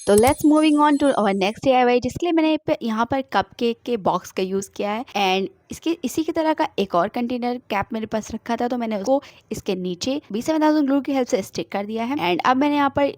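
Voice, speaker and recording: A woman's voice: fairly high pitch, expressive, brisk, a little mellow, no echo. A young woman recording a chatty voice-over for a craft tutorial at home, mixing English words into her Hindi. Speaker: DIY craft channel host. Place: home, traffic outside.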